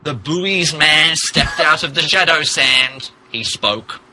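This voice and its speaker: Slow and sharp-toned, his voice fairly high, a podcast host gives a fan fiction text a mock-dramatic reading. Along the way he stumbles over its typos and pokes fun at them.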